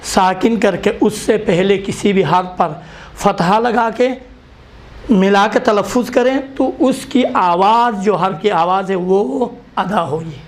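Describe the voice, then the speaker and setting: A man teaching a Quran recitation class, patiently spelling out vowel sounds one by one. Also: sits high.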